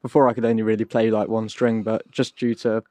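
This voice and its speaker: A man's voice: level tone, mellow, dry recording. A young man from Kent, a guest singer-songwriter chatting in a radio studio, modest and a bit hesitant. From Kent, England. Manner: modest, hesitant, talks low and quick. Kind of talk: casual radio interview chat.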